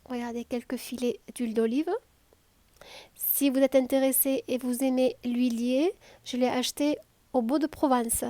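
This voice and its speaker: Woman, southern French accent, high voice, dry close sound, unhurried cooking demo. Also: dry recording. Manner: calm, step-by-step, with hesitations. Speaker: home cook. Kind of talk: cooking tutorial.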